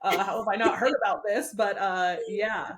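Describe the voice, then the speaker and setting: A woman guest in a casual interview, candid and quick to laugh. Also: mid-range voice. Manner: animated, candid, laughs freely.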